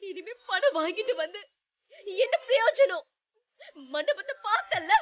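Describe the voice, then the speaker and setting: A woman's voice: very high-pitched, animated, normal speed, highs cut off. An actress playing a distraught young woman who cries and accuses her husband in a TV serial. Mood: tearful. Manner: tearful, pleading, accusing. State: crying. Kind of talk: TV serial acting. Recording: with background music.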